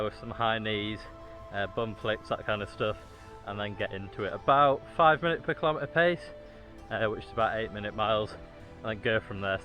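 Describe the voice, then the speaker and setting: A man's voice: mid-range voice, pushed and bright. A man talking casually to his viewers as a running vlogger. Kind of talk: casual vlog talk to viewers.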